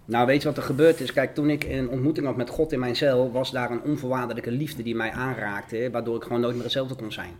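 A man's voice: medium pitch, fairly even intonation, a little hiss or hum. A man from the Netherlands giving an emotional, fervent testimony as an interview guest. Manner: earnest, fervent, fast and repetitive.

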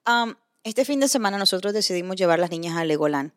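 A woman in her thirties co-hosting a casual talk show, a mother telling stories in an animated way and slipping English phrases into her speech. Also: fairly low pitch, quick pace. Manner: mixes Spanish with English phrases; animated storytelling. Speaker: podcast co-host. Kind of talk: casual chat.

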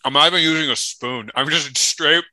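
Male, very bright sharp voice, close dry sound, rambling profane buddy chat. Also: a little high, brisk, dry recording, rough recording. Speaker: co-host tasting drinks on a casual show. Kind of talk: casual chat among friends.

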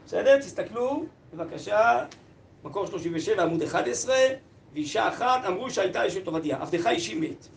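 A man's voice: sits high, expressive, vocal fry, roomy sound, slight background noise. A man teaching a text-study lesson, reading old sources, translating them aloud and putting questions to the class.

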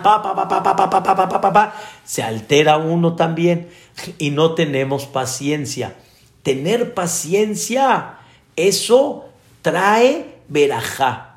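A man delivers a sermon as a rabbi, his voice pitched a bit high and his delivery slow and deliberate. He tells stories with animation, often turning to his listeners with rhetorical questions. The recording echoes in a roomy space. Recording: echoey room.

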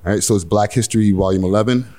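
A man's voice: fairly low pitch, fairly even intonation, racing, warm tone. A man chatting casually as a podcast co-host. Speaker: podcast co-host running sound effects.

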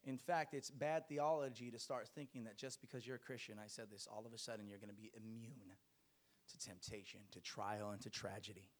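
A man's voice: fairly low pitch, fairly even intonation, a little fast. A man preaching a sermon to a congregation, exhorting them emphatically with rhetorical questions and repeated phrases.

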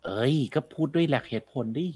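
A man's voice: quick pace, a little mellow. A man co-hosting a casual gaming chat, laying out his points step by step. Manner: chatty, explains points in numbered steps. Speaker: podcast co-host.

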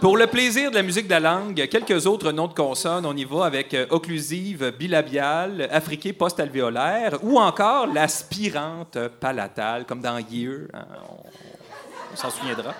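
A man's voice: a little high, moderate pace, a bit bright, a little hiss or hum. A man with a Quebec French accent hosting a playful quiz on air, teasing and laughing between questions. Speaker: radio quiz host.

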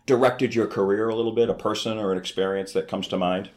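A man hosts a podcast interview. He speaks in a low, measured and friendly way, asking clear questions. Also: fairly even intonation. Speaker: podcast host.

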